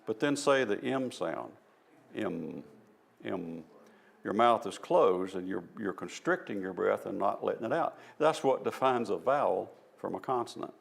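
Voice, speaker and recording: A man's voice: fairly low pitch, expressive, moderate pace, gravelly, hardly any pauses. A man with a Southern US accent giving an informal presentation at a church, explaining things step by step in a folksy, self-deprecating way. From American South. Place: church hall.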